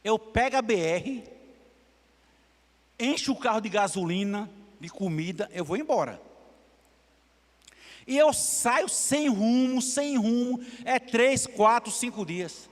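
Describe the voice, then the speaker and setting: A man's voice: high-pitched, slow, long pauses. A man, a pastor preaching a sermon and telling a story, acting out the dialogue. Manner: animated, acts out dialogue in his stories. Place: church sanctuary. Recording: long church-hall reverb.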